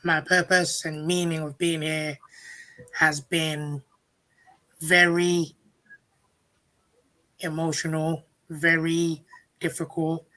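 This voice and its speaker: Slow, halting man, sharp-edged voice. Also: a little high, little pitch movement, poor audio. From England. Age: 30s. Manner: halting, deliberate, restarts words. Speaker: interview guest. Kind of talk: personal account in an interview.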